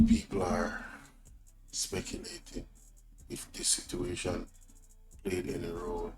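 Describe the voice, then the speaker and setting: A man hosting a livestream, giving informal, deliberate, opinionated commentary. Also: low-pitched, sing-song, creaky. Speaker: livestream host. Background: loud music.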